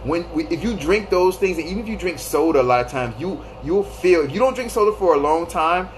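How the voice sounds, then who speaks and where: A man in his thirties hosts a live stream, offering loose, repetitive advice and welcoming viewers by name. His voice sits a little high, moves fairly quickly with lively intonation, and the recording is rough.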